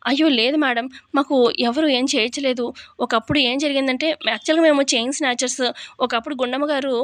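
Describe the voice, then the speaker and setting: A woman's voice: high voice, fairly even intonation, fast, fairly bright tone, dry recording. A woman voicing cowering male thugs who insist on their story and beg to be believed. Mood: pleading. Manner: pleading, insistent.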